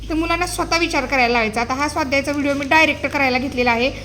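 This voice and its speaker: A woman's voice: high-pitched, rapid-fire, pushed and bright, a little hiss or hum. A woman teaching a poetry lesson to small children, questioning them in a sing-song way. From India. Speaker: primary school teacher.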